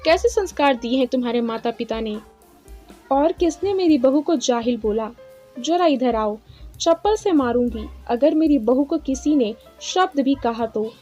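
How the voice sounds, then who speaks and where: एक महिला की आवाज़ में डांटती तेज़ ज़ुबान सास. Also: female voice, high-pitched, expressive, a little slow. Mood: fiercely protective. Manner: scolding, bossy. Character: sharp-tongued older mother-in-law, scolding. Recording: slightly dull lo-fi with soft music.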